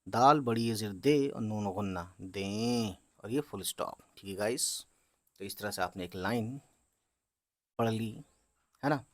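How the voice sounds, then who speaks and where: A man teaching beginners to read Urdu, spelling words letter by letter, drawing the sounds out slowly and checking in with his listeners. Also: on the low side, no echo. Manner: explains patiently, often checking with "है ना?" and "ठीक है?". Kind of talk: letter-by-letter reading lesson.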